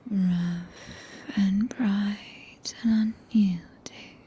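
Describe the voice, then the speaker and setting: A woman with a British accent playing a regal, tender witch consort in a whispered ASMR roleplay, breathy and soothing, with archaic phrasing. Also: mid-range voice, fairly even intonation, warm tone, highs cut off, exaggerated voice. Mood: solemn, devoted. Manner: slow, archaic, soothing speech.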